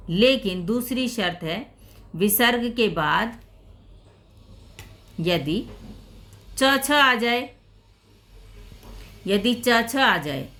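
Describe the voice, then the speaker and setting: A woman explains a Sanskrit lesson in Hindi, going over each rule patiently and repeating her examples. Her voice sits a little high and sounds bright and sharp. She takes her time, speaking at a slow, deliberate pace. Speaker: Sanskrit teacher.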